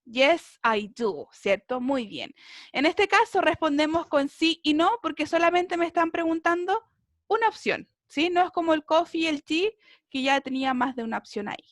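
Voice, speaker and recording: A woman's voice: very high-pitched, animated, normal speed, dry recording, clean studio sound. A woman teaching a beginner English class over a video call, encouraging and often checking in with her students.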